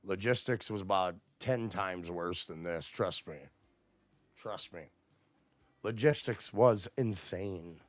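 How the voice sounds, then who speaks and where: A man's voice: low-pitched, slow, dry recording. A man hosting a livestream, ranting at his chat in a profane, combative way. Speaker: livestream host. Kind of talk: casual livestream rant to chat.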